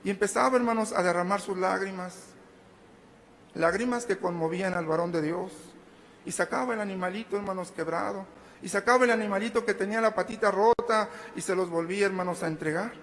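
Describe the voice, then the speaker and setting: A man preaching a sermon as a pastor, often addressing the congregation as brethren and building to tearful, shouted passages. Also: high-pitched, fairly quick, slight background noise.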